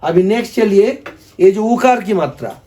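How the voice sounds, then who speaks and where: A man with a fairly high voice teaches a language lesson, his first language being Bengali. He explains slowly and patiently, going over each point more than once. Every so often he asks his listeners to say the sounds along with him. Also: lively intonation, dark tone. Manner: patient, repetitive explaining, asks viewers to repeat after him. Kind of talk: video lesson explaining script.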